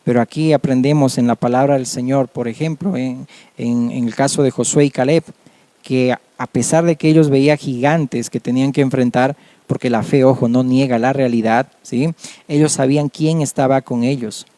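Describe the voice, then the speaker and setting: Earnest preaching man, mellow dry voice. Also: mid-range voice, fairly even intonation, normal speed, no echo. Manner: earnest preaching, often adds amen. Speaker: pastor. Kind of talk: sermon.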